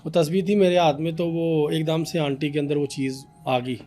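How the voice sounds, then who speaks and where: A man's voice: fairly high pitch, moderate pace. Man telling a story. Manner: animated, conversational storyteller. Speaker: paranormal practitioner guest. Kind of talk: casual storytelling in a podcast interview.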